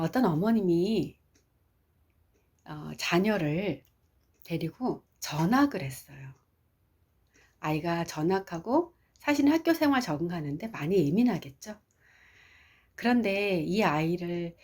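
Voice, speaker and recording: Husky-voiced woman giving an expressive parenting lecture. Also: on the low side. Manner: expressive storytelling, asks the audience questions.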